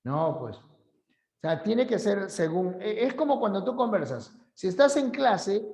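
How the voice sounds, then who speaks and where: A male teacher leads a conversational class for an admission exam, frequently asking students whether they agree and acting out examples. His voice sits high with big pitch swings and a darkish tone, delivered at a measured pace in a reverberant space.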